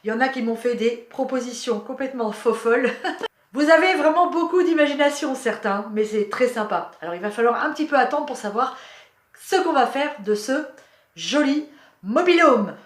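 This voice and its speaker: A woman hosting a home cooking show, chatting warmly and explaining each step of a recipe. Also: high-pitched, expressive, normal speed. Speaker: cooking channel host. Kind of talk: cooking demonstration. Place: home kitchen.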